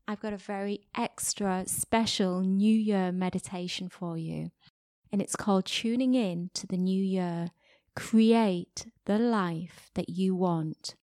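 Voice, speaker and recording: A woman podcast host giving a slow, soothing guided meditation, sometimes dropping to a whisper. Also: medium pitch, dark tone, no echo, studio quality.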